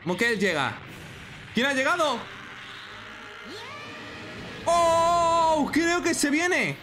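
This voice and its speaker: A man with a Spain Spanish accent giving excited reaction commentary as a streamer, full of exclamations and outbursts. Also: extremely high pitch, slow pace, a little hiss or hum. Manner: excitable, frequent exclamations and shouts. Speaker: streamer reacting to a fan animation.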